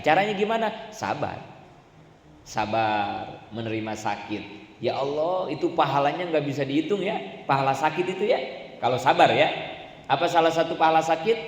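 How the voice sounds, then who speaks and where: A man preaching at a religious study gathering, speaking colloquially with rhetorical questions and a constant "ya". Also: mid-range voice. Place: mosque or prayer hall. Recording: echoey hall, slight room noise.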